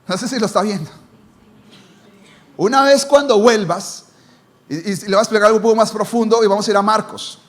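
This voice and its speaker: A man who is a pastor, preaching a sermon. He asks rhetorical questions and moves between strong emphasis and a low, hushed tone. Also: fairly quick, pauses often.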